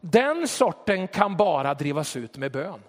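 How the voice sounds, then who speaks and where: A preacher voicing Jesus as a calm, authoritative teacher, speaking plainly and firmly. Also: male voice, a little high. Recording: long hall reverb.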